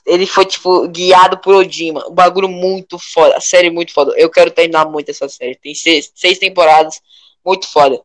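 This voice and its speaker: Young man, Brazilian Portuguese accent, high-pitched, casual slangy rambling chat, animated, very dry sound. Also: brisk, no room sound, rough recording.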